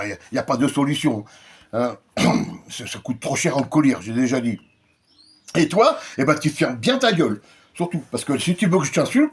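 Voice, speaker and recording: Lively sarcastic man ranting casually. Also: on the high side, husky. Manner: mocking, sarcastic, drawn-out emphatic asides. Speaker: YouTuber answering comments.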